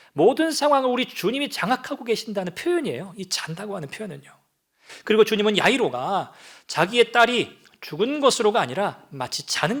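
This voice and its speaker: A man's voice: sits high, a bit bright. Korean man preaching a dramatic sermon. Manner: dramatic, rhetorical questions, acts out voices. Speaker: pastor.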